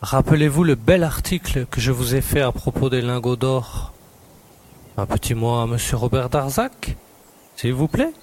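An actor playing an eager, insistent young newspaper reporter who presses and pleads to be let in. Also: male voice, mid-range voice, lively intonation, moderate pace, darkish tone, a little hiss or hum, lightly acted. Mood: pleading. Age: young adult.

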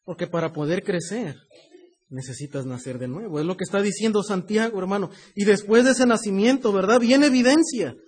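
A man's voice: high-pitched, husky. A man preaching a sermon in a conversational way, often adding "right?" and addressing the listener as brother. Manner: conversational preaching, often tagging "¿verdad?" and "hermano".

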